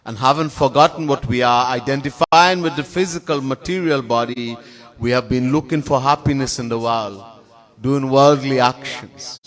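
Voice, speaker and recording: A man with a Trinidadian accent giving a sermon as a swami in a temple, chanting Sanskrit verses slowly in a sung tone between plain teaching. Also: medium pitch, fairly bright tone. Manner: lists words in long spoken series. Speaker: swami giving a spiritual discourse.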